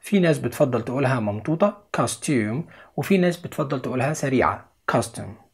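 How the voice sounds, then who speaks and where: Young Egyptian man, patient video English teacher, breathy voice, mid pitch. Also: animated, brisk. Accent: Egyptian Arabic. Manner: explains step by step, repeats each English word twice. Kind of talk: video lesson.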